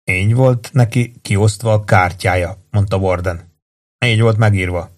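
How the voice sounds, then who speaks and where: A man's voice: on the low side, steady tone, lightly acted. A man doing a curt, weary tough sergeant.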